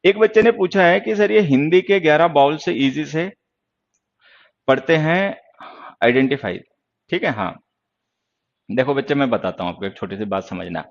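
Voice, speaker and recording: A man's voice: a little high, animated, normal speed, vocal fry, long pauses, dull audio. A man teaching English grammar in Hindi during an online class, lecturing sternly and answering viewers' questions.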